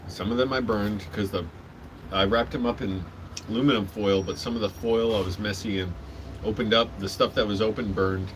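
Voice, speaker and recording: A man's voice: on the low side, fairly even intonation, moderate pace. A man rambling casually while eating, talking with his mouth full. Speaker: vlogger. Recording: clearly noisy background hum.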